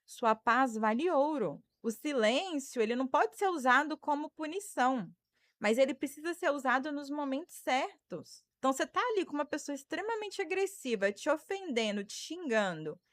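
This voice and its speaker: A Brazilian woman in her thirties talks through a live stream as a psychologist, answering viewer comments and thanking people by name. Her voice sits a little high, and the sound is close and dry. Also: expressive, moderate pace, no room sound. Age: 30s. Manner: warm advice-giving, thanks viewers by name.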